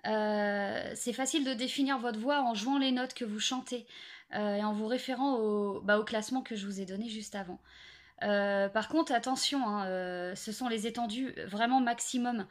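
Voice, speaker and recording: A woman's voice: a little high, moderate pace. Hesitant woman giving singing tips. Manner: hesitant, many fillers and restarts. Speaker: singing teacher. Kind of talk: casual spoken singing tips.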